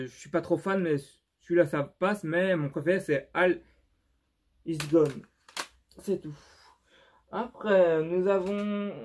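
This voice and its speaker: A young man with a non-native French accent talks slowly and with hesitation, his voice sitting a little high for a man. He stops and restarts often and leans on fillers, keeping the tone of an unscripted vlog. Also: a little mellow, a little hiss or hum. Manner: halting and unsure, many fillers and restarts. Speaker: YouTuber showing his CD collection. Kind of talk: casual vlog commentary.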